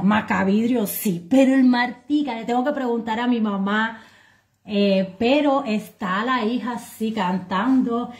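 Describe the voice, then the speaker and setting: A Cuban woman vlogging to her viewers, telling anecdotes in a sarcastic, animated way and swearing freely. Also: medium pitch. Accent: Cuban Spanish. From Cuba. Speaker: vlogger commenting on current affairs. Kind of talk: casual monologue to viewers.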